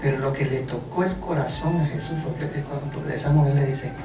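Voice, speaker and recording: A preacher giving a joking, animated sermon, often stumbling over repeated words. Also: medium pitch. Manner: animated, joking, halting restarts. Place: church hall. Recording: echoey room from far off, music behind.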